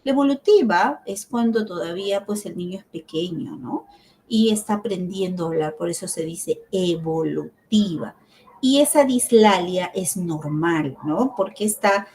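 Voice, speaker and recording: A middle-aged woman gives an online lecture as a speech therapy instructor. Her talk is explanatory and unhurried. She checks in with her listeners through frequent tag questions and pauses on fillers as she thinks. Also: lowish voice, a little mellow, slight background noise.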